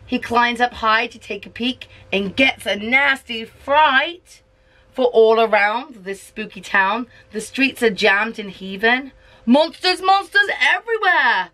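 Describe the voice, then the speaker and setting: A woman's voice: mid-range voice, fairly bright tone. A mother reading a picture book aloud to her toddler in a coaxing, sing-song way, stopping to ask him questions. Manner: coaxing, sing-song, stops to quiz the child. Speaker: parent reading to her child.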